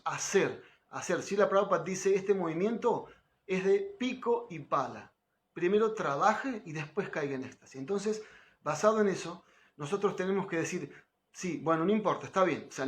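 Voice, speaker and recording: A middle-aged man giving an informal devotional class, talking conversationally and often checking in with his listeners. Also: high voice. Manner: conversational, frequent tag questions, quotes others with lifted voice. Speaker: spiritual teacher giving a class.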